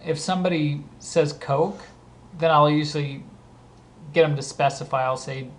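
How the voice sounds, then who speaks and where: A man with a scratchy voice and a Southern California accent reads words aloud, following each with a conversational note on how he uses it. He speaks at a moderate pace with fairly high pitch.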